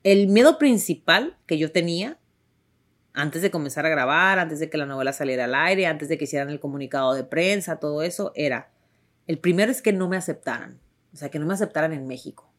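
Speaking a little fast in a low, animated voice, this young Tijuana-born actress shares her story with viewers. Her northern Mexican accent comes through as she chats warmly and emphatically, often restarting sentences and leaning on fillers.

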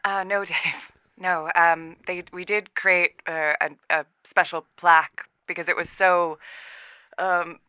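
Lady playing flustered apologetic jury head on comedy phone-in, lowish but bright voice, hesitant. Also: flat delivery, a little slow, clear, resonant tone, dry recording. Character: apologetic, flustered woman heading a town-contest jury.

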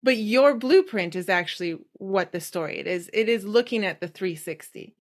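A woman's voice: medium pitch, expressive, moderate pace. A woman hosting a writing podcast, talking in a loose, rambling way and thinking aloud. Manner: rambling and chatty, thinks aloud with many fillers. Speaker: podcast host. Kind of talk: casual podcast conversation.

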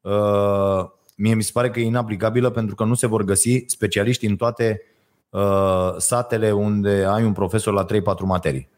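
A man's voice: on the low side, steady tone, a little mellow. A man hosting a casual podcast chat, hesitating often with fillers and retelling stories animatedly. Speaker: podcast host.

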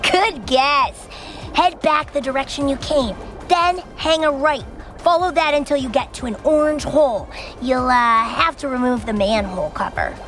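High-voiced, breezy girl inventor. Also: normal speed, fairly bright tone, soft background music. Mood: breezy, instructing. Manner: casual, matter-of-fact. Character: breezy, unflappable young female gadget inventor giving instructions. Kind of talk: children's audio adventure acting.

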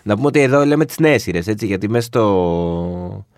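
A man's voice: lowish voice, lively intonation, a little mellow, no room sound, studio quality. A man co-hosting a podcast, chatting casually about new TV series with many fillers and easy laughter. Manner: chatty, laughs easily, lists shows with fillers. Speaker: podcast co-host.

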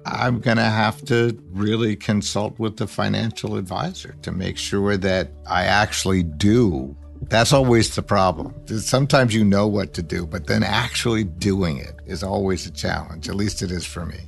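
A middle-aged man speaks in a low register with plenty of gravel. He sounds like a podcast guest, reflecting in plain conversational talk. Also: moderate pace, soft background music. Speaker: podcast guest seeking financial advice.

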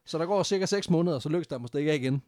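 A man's voice: a little high, darkish tone, dry recording, studio quality. A man casually telling a history story on a podcast, laughing often and swearing freely, with English phrases mixed in.

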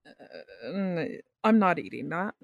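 A woman's voice: deep voice, big pitch swings, takes it slowly, creaky, no room sound, dull audio. Woman player with a dry, close sound. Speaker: player in a tabletop game. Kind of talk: casual game chat.

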